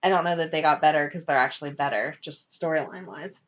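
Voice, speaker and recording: With a low voice, a woman co-hosts a fan podcast in casual conversation. She's opinionated and briskly acts out characters' lines in quick asides.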